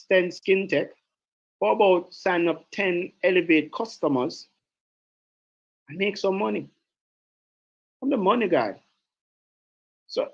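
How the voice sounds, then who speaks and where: A man with a gravelly, husky voice delivers a motivational sales pep talk, energetic and persuasive. He keeps repeating himself and throwing questions at his listeners. The recording sounds dull and lo-fi. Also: high-pitched. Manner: energetic, persuasive, repetitive, asks the audience questions. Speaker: network marketing team leader.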